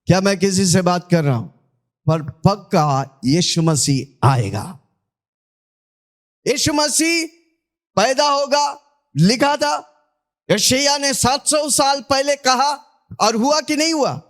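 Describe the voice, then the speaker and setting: Male pastor, high voice, call-and-response sermon delivery. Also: animated, slow, pauses often. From India. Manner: call-and-response preaching, urging listeners to shout back; repeats scripture after the reader.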